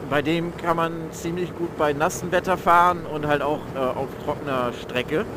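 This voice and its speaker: A young man speaking from inside a motorcycle helmet, giving loose, slangy vlog commentary while riding and often searching for words. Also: fairly high pitch. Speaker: motovlogger reviewing his motorcycle. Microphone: mic inside motorcycle helmet. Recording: helmet mic with engine and road noise. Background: motorcycle engine and outdoor traffic noise.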